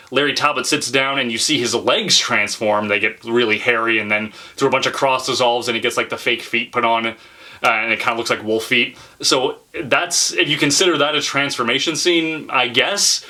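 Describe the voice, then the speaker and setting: A man's voice: mid-range voice, fairly even intonation, normal speed, sharp tone. A man hosting his own horror movie channel, talking casually and chattily to his viewers. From Canada. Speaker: horror video host. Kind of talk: casual talk to camera.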